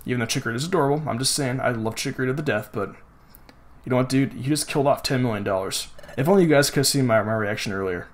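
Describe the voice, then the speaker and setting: A man's voice: medium pitch, racing. A young man hosting a let's play, rambling casually with lots of "like" and frequent swearing. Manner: rambling and profane, heavy use of "like". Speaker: gaming channel host. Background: game music.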